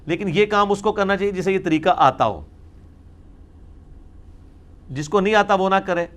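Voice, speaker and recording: A man with a Pakistani Urdu accent and a high, somewhat bright voice is a scholar answering questions in a religious lecture recorded in a studio. He explains points emphatically, adding wry asides and mixing in English words.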